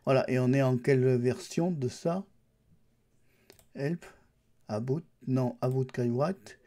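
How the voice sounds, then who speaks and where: A man's voice: medium pitch, takes it slowly, warm tone. A man casually thinking aloud as he tours a computer's settings and apps, talking straight to the viewer. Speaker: YouTuber testing a Linux distribution. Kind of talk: casual screen-recorded software walkthrough.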